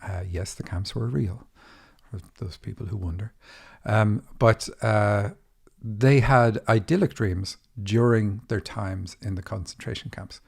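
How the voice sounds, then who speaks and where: A middle-aged Irish man hosting a dream interpretation podcast, talking quickly in a casual monologue with many fillers and restarts. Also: lowish voice, gravelly, a little mellow, slightly rough. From Ireland.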